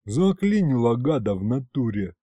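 A man's voice: mid-range voice, big pitch swings, normal speed, warm tone, breathy edge, dry recording. A man voicing a slangy male imp henchman who talks like a street tough, in an audiobook reading. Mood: cocky. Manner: gangster slang, whiny.

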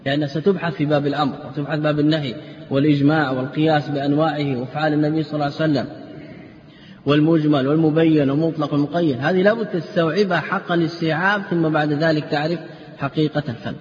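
A man with a fairly high voice gives a classroom lecture in a reverberant hall. He keeps asking his students questions and then answers them himself, and he repeats word forms as drills. The recording sounds dull and muffled, with a faint hiss underneath. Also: steady tone, rapid-fire. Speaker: Islamic scholar teaching a class. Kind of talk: classroom lecture on legal theory and grammar.

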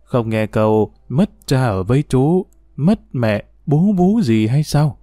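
A man voicing a worried middle-aged mother in a read-aloud story, pleading softly and slowly with her child. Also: medium pitch, animated, no echo, studio quality.

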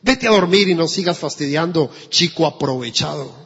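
A man's voice: on the high side, animated, normal speed, a bit bright, slightly rough, heavily acted. A man playing a tired, irritable father who answers curtly in a sermon story. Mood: irritated. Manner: curt, brusque. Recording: dull echoey church recording.

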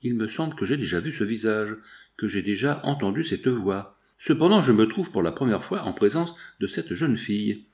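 A man's voice: on the low side, expressive, normal speed, lightly acted. Man reading a scheming millionaire father. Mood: brooding. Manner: hushed, guarded. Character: middle-aged millionaire father, guilty and scheming.

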